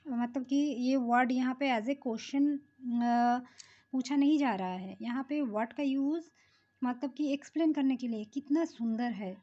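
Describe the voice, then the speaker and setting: A woman teaching English grammar in a classroom-style lesson. She explains slowly and patiently, mixes Hindi with English terms and often pauses on fillers and "okay". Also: high voice, warm tone. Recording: dull lo-fi recording.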